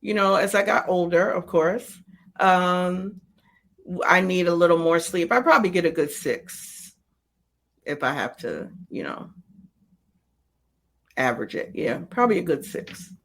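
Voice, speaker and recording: A woman's voice: lowish voice, expressive, unhurried, long pauses. A middle-aged woman speaking casually as an interview guest, explaining things colloquially through personal examples. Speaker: sleep coordinator, interview guest.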